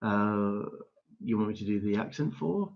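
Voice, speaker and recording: A young man hosting a pub quiz, reading each question slowly, repeating and spelling it out, chuckling and correcting himself as he goes. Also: on the low side, lively intonation, creaky. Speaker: quiz host. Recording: dull lo-fi stream audio.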